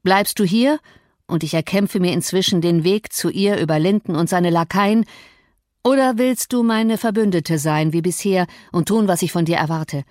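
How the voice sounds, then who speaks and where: A woman voicing a brooding, domineering and violent grown man in an audiobook, forceful and threatening. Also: on the low side, normal speed, no echo, studio quality, lightly acted. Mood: commanding. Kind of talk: audiobook reading.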